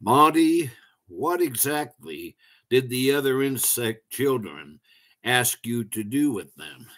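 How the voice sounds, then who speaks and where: A man's voice: medium pitch, expressive, slow pace, a bit bright. Father mantis, caring and concerned, storybook character, read by a man.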